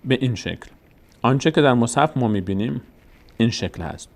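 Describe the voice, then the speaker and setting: With a Tajik Persian accent, a man patiently teaches Quranic reading signs step by step, frequently posing questions and answering them himself. His medium-pitched voice is expressive and creaky.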